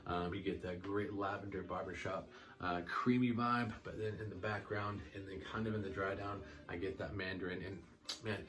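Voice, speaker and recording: A man's voice: low-pitched, fairly even intonation, normal speed, a bit bright, recorded from a distance. A young man chatting casually and enthusiastically while reviewing a fragrance, with lots of ums and restarts.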